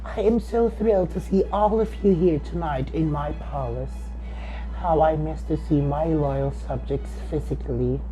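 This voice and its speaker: A man's voice: a little high, measured pace, over loud music, close to an everyday voice, low-quality recording. A man voicing a haughty, pampered royal queen who speaks in a pompous, regal, sing-song manner. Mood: grand. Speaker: resident choral diva.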